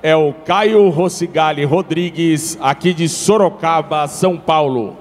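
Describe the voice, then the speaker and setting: A man's voice: on the high side, unhurried. A Brazilian man working as auction staff, making brief live announcements. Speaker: auction staffer relaying bids and buyers. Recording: long hall reverb.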